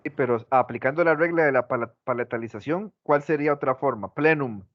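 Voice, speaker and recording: A man's voice: medium pitch, a little fast, no room sound. A male teacher giving a class lecture, asking the class questions and repeating his examples, on a dull lo-fi recording.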